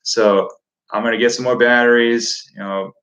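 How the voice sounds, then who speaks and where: A man's voice: medium pitch, little pitch movement, normal speed, a bit bright. Laid-back fishing guy on a live stream, lots of uh and um, kinda echoey. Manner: rambling, easygoing, many fillers. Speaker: fishing channel host. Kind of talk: casual live stream chat. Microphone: no lapel mic.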